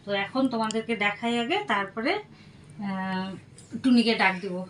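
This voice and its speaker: A woman's voice: mid-range voice, measured pace, very noisy. An older woman, chatting casually and homely in a family vlog. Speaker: vlogger.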